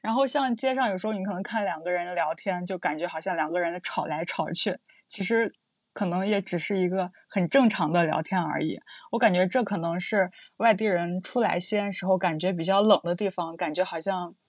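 Laughing woman telling lively stories. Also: fairly low pitch, fairly quick, no echo. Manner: lively storytelling, laughs easily. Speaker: podcast guest. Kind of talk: casual panel discussion.

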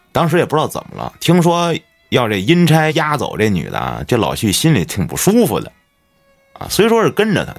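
A man, a podcast host telling a ghost story in colloquial, swear-laden style. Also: slightly rough. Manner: colloquial storyteller, swears often, dramatic swings in pitch.

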